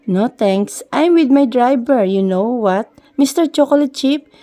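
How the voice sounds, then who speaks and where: A woman's voice: on the high side, expressive, measured pace, dark tone. A woman voicing a cheeky little rich boy in a story reading, with a lightly raised, playful tone.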